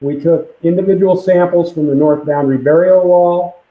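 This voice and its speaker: A man's voice: high-pitched, fairly even intonation, moderate pace. A man giving a plain, matter-of-fact technical briefing on a call, his voice muffled as if talking through a pipe from a computer mic. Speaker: site presenter at a public conference call. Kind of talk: technical briefing reading from a permit. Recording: echoey, muffled call audio.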